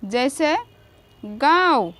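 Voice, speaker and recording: Woman, schoolteacher, children's grammar lesson, high-pitched, unhurried, self-answering questions. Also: expressive, fairly bright tone. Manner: repeats questions and answers them herself, asks "ठीक है?". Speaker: teacher.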